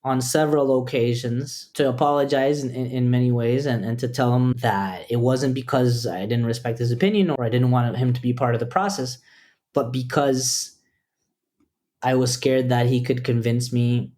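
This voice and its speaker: Podcast guest: a man from Costa Rica, earnest and measured, reflective. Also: medium pitch, steady tone, darkish tone. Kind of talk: reflective interview talk.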